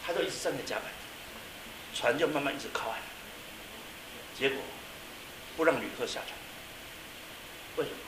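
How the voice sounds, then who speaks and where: A man preaching a sermon as a pastor, telling a story and swinging from quiet asides to loud exclamations. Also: medium pitch, normal speed, pauses often. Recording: echoey hall, mic at a distance, faint hiss.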